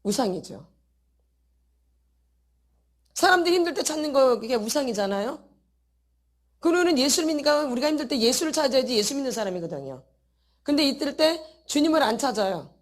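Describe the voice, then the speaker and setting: A woman teaching a church congregation about addiction. She keeps asking rhetorical questions, repeats key words for emphasis, and acts out people's inner thoughts in a casual voice. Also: high voice. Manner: asks the audience many rhetorical questions. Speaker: church deaconess giving a teaching talk.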